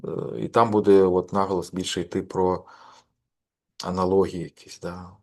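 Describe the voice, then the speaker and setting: A man's voice: low-pitched, level tone, normal speed. A man giving a course lecture, hesitant, with many fillers and restarts.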